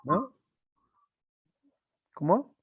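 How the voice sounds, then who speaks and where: A male teacher from Peru giving an online language class, slowly repeating examples and his students' answers. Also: fairly bright tone, no room sound, muffled recording.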